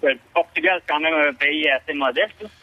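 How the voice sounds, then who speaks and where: A man's voice: fairly high pitch, a little fast. A man from Lac-Saint-Jean with a Quebec French accent, calling in to the show, easygoing and joking. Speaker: caller on the line from abroad. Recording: muffled remote line. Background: celebrating crowd noise.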